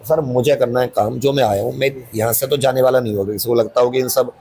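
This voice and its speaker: A man's voice: mid-range voice, fairly even intonation, quick pace, dark tone, slightly rough. A man, a coaching teacher, answering interview questions in a defensive, insistent, rambling way.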